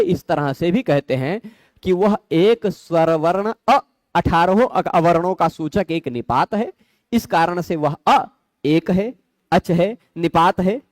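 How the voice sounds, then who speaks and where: A male Sanskrit grammar teacher, his pitch sitting high and swinging widely as he explains. He builds his points patiently, asks questions and answers them, and checks that his students follow. The recording is dry and close. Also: darkish tone, no echo. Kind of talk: explanatory lecture.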